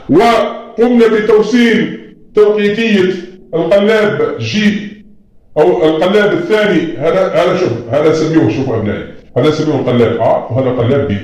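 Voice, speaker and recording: A man's voice: a little high, a little mellow. A man teaching a lesson, patiently explaining at a board and often telling students to look closely. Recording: very echoey room.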